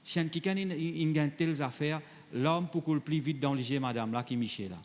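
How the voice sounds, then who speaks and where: A man's voice: on the high side, fairly quick, big-room sound. A male pastor preaching a sermon in a conversational way, reading Bible verses and then talking straight to the congregation. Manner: conversational preaching, mixing French with Creole phrasing.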